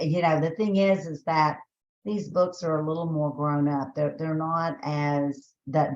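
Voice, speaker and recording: Her voice sits low, and the sound is roomy and dull. She's a woman from Texas with a Southern drawl, leading a teacher training webinar conversationally, restarting sentences and filling pauses as she thinks aloud.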